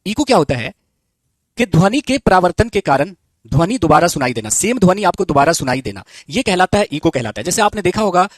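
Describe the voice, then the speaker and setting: A male teacher with a fairly high voice gives a physics lesson to students. He asks the class a question, answers it himself, and repeats each key term slowly. The sound is close and dry, with no room echo. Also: sing-song. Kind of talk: live online physics lesson.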